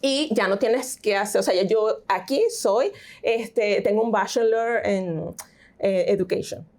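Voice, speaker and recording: A woman's voice: mid-range voice, measured pace, a little mellow. A middle-aged woman, a teacher and interview guest, explaining things step by step with fillers and English school terms mixed in. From Venezuela. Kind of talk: interview conversation.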